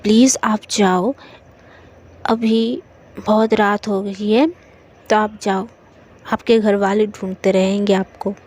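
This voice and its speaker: A woman's voice: medium pitch, fairly even intonation, slow, pauses often, darkish tone. A woman voicing a tearful, hurt young woman who sulks and tells her lover to leave, in a storytelling reading. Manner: sulky, hurt.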